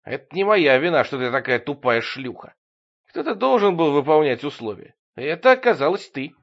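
A man's voice: on the high side, sing-song, fairly quick, gravelly, highs cut off, pitched above the performer's own voice, exaggerated voice. A man voicing a scheming man who coaxes his fiancée in a falsely tender way. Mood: contemptuous.

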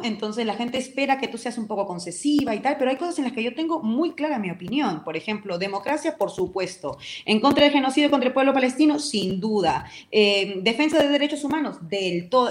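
A woman's voice: a little high, lively intonation, brisk, few pauses. Passionate Peruvian woman, echoey room. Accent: Peruvian Spanish. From Peru. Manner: passionate, vehement. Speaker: guest. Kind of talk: radio interview.

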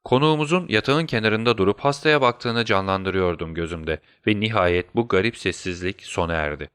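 A man narrating a storybook in a measured storytelling manner. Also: lowish voice, fairly bright tone, smooth, no room sound, clean studio sound. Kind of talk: audiobook narration.

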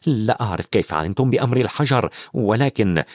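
A stern older schoolmistress answers coolly and briefly, as a male narrator puts her on. Her lines swing in pitch while staying firm, in a dry close recording. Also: animated, fast, darkish tone, no echo. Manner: curt and cold. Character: stern, cool older female teacher.

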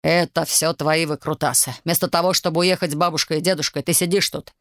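A woman doing a harsh, shouting father. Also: low-pitched, steady tone, fairly quick, dry recording, clean studio sound. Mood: angry. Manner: barking, shouting. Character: angry harsh father of the family.

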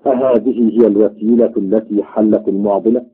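A man's voice: on the low side, fairly even intonation, brisk, slightly rough, soft background music. A man voicing an indignant, hot-tempered thunder god, on a tinny, phone-like recording. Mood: forceful. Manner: forceful and indignant.

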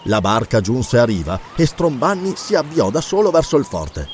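A man narrating an adventure audiobook in a dramatic, expressive storytelling style. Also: medium pitch, moderate pace, a little hiss or hum.

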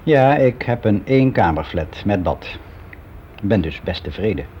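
This fairly low male voice is animated yet a little slow, with slight background noise on a dull lo-fi radio recording. It belongs to an actor in a radio play monologue portraying a fussy, frank middle-aged man confiding details of his private life. The tone is conversational, hesitant and matter-of-fact, with a self-justifying edge, like someone answering an interviewer.

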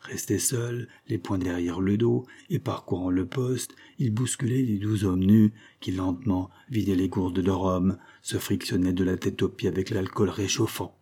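A man narrating a literary sea story in a measured reading voice. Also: low-pitched, steady tone, dark tone, breathy edge. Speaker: audiobook reader.

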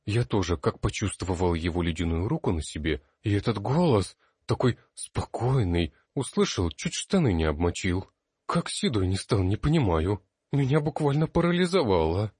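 A man voicing a frightened young male student in an audiobook, breaking into shrill, panicky outbursts. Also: sing-song, moderate pace, darkish tone, slightly rough, dry recording, clean studio sound. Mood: shaken. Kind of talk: audiobook character voice.

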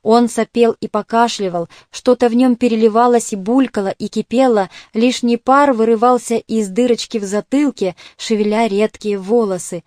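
A woman narrates a literary audiobook in a measured, expressive way. Her voice sits slightly high. It is recorded dry and close, with no room sound. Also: dry recording.

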